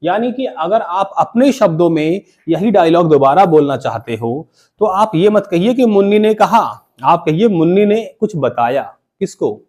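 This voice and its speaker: Male classroom teacher, high and very animated pitch; call-and-response questioning. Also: normal speed. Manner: call-and-response questioning, repeats key terms. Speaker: English teacher. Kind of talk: classroom grammar lesson. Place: classroom with students.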